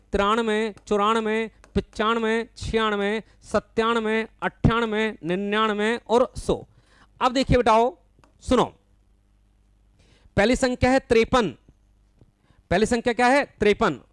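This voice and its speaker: High-voiced man teaching a live maths class. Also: clear, resonant tone, dry recording. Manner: calls students by name, affectionately addresses them as son; counts numbers aloud in steady recitation.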